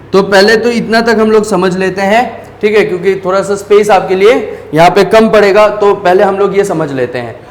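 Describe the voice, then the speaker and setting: Male teacher, high voice, patient, asks and answers his own questions, roomy echo. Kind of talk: explaining lesson at a board.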